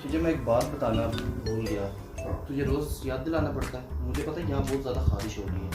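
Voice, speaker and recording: A young man acting in a comedy skit, bossy and lively as he gives orders. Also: mid-range voice, brisk. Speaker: comedy sketch actor. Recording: echoey room, far from mic, loud music.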